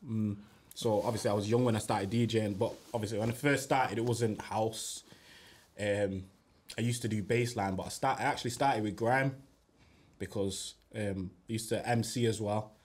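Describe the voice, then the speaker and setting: Husky laid-back man. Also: fairly low pitch, fairly even intonation, normal speed. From northern England. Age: 30s. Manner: laid-back, trails off quietly, slangy. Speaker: DJ guest. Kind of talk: casual podcast chat.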